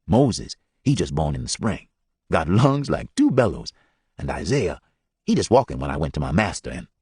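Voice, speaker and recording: A man voicing a frightened runaway father who speaks in broken grammar, halting and hushed. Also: very deep voice, big pitch swings, husky, dry recording, clean studio sound, voice pushed down, heavily acted. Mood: tender.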